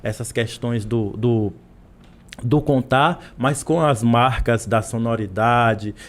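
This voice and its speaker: This is a slow, mid-range male voice: a Brazilian literature professor being interviewed as a podcast guest, with plenty of restarts and repeated words.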